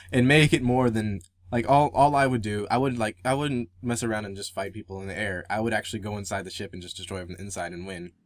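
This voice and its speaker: A young man co-hosting a casual gaming podcast, rambling excitedly and restarting his sentences. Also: lowish voice, fairly quick, no room sound, clean studio sound. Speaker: podcast co-host.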